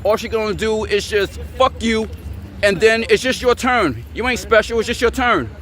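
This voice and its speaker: A man's voice: sits high, moderate pace, a bit bright. A man giving a blunt, confrontational motivational rant as a vlogger, hammering the same points over and over in a preachy way.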